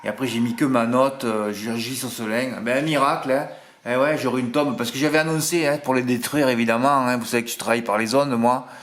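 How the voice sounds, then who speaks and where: A man's voice: medium pitch, fairly even intonation, fairly quick, a bit bright. A man with a Marseille accent, talking casually as a horse racing tipster, chatty and self-mocking, tagging his sentences with little asides. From southern France. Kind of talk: casual monologue. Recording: echoey room.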